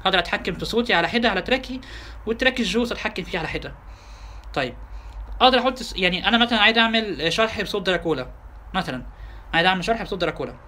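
An Egyptian-accented man runs a software lesson at a very fast clip. His voice sits high for a man and sounds bright and forceful. He keeps turning to his listeners with rhetorical questions. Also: animated, a little hiss or hum. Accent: Egyptian Arabic. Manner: quick, chatty, addresses listeners directly with rhetorical questions. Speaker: software instructor. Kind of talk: tutorial lecture.

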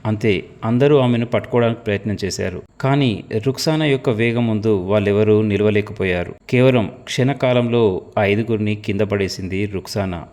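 A man with a fairly low voice narrating a scripted suspense story. He reads steadily, with a dramatic storyteller's touch. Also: normal speed, darkish tone.

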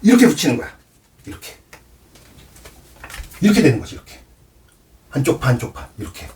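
Man teaching cello, bouncy pitch, voice a bit off-mic, counts stuff out loud. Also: very animated, fairly quick, distant mic, a little hiss or hum. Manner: explains with props, counting aloud, repeats himself. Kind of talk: demonstration lesson.

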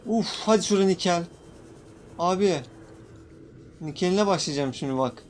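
A man's voice: high-pitched, normal speed, slight background noise. A young man giving casual, jumpy gaming commentary, nervously reacting to creatures and talking to viewers. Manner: jumpy, excitable, swearing playfully at in-game creatures. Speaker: gaming YouTuber. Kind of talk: casual Let's Play commentary.

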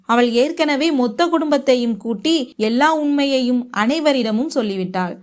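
A woman narrating a first-person family story in a steady read-aloud manner. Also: high-pitched, moderate pace.

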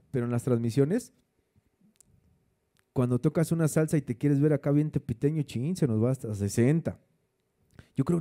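A man's voice: fairly high pitch, warm tone. A man hosting a casual interview, chatty, slangy and encouraging. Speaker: interview host.

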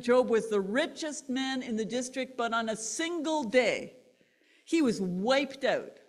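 A woman pastor, delivering a sermon as an animated story and laughing between lines. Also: on the high side.

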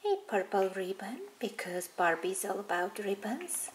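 A woman hosting a toy video, softly narrating doll play as she handles the toys. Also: mid-range voice, big pitch swings, normal speed. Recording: noisy home recording.

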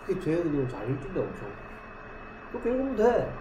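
A man's voice: a little high, huge pitch swings, noisy background. Man teaching English grammar to a class. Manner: quizzes students by name, repeats English sentences slowly. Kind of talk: classroom lesson.

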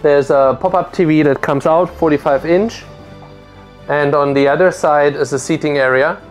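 With faint music in the background, a fairly high-pitched man talks at normal speed as he presents a motor yacht on a lake. In his thirties and miked with a lapel mic, he methodically tours the deck and cabins, explaining and listing features.

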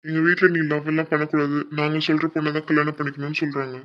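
A woman voicing a desperate young man in love in a cartoon, pleading and pressuring in a lowered voice. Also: flat delivery, fast talker, muffled recording, close to an everyday voice. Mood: earnest.

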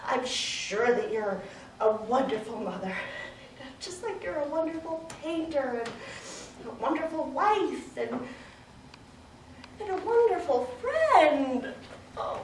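In a stage play, an actress plays an overeager, clingy young woman friend, using a high, very animated voice at a slow pace in a heavily acted performance. She gushes, talks over others and laughs nervously. A far room mic captures the echoey theater stage from afar, with slight background noise.

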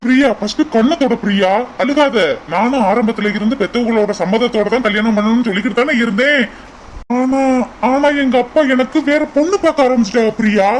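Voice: medium pitch, fast, slight background noise, natural voice, rough recording. A voice actor playing an earnest young man coaxing his sweetheart in a cartoon. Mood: earnest pleading. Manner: coaxing, keeps repeating her name. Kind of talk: cartoon voice acting.

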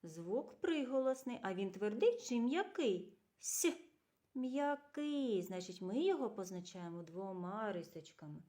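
A woman teaching a literacy lesson to young children, asking questions, praising answers and slowly drawing out sounds and syllables. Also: medium pitch, very animated, warm tone. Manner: slow, clearly drawn-out sounds and syllables, asks questions and praises. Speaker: kindergarten teacher.

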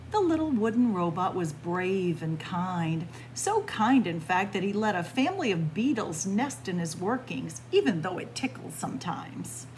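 A library storyteller reads a picture book aloud to young children, her pitch rising and falling expressively as she addresses them like friends. She's seated in a library room lined with bookshelves, and the low-quality recording has clear background noise.

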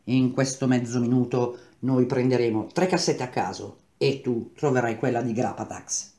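A man reads a novel aloud in an even, measured way. His voice sits at a middle pitch. The room around him sounds echoey. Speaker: reader. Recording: roomy echo.

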